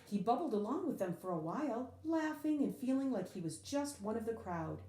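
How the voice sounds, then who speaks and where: With a roomy sound around her, a woman whose voice runs a little high reads a children's picture book in an expressive, dramatic way, leaning on key words with drawn-out emphasis.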